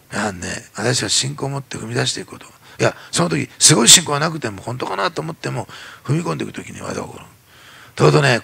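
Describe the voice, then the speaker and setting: Japanese man preaching in church, fast and animated, sharp bright tone with heavy gravel. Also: mid-range voice. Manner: animated storytelling, acts out quoted voices. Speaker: pastor. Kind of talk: sermon.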